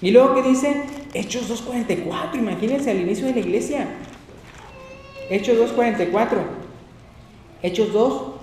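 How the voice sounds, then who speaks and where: Preacher in an echoey hall. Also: male voice, extremely high pitch, moderate pace, long pauses. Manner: animated, laughs often, acts out quotes. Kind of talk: sermon. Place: church hall. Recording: echoey church hall, faint noise.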